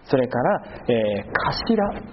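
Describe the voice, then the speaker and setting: A male pastor giving a sermon, patiently explaining and pausing with long drawn-out fillers between phrases. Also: mid-range voice. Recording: muffled with steady background noise.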